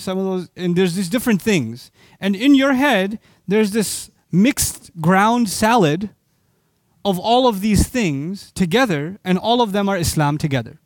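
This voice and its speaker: Captured with clean studio sound and no echo, a man from Pakistan preaches with fervor in a high-sitting voice. This Islamic preacher frequently puts rhetorical questions to his audience.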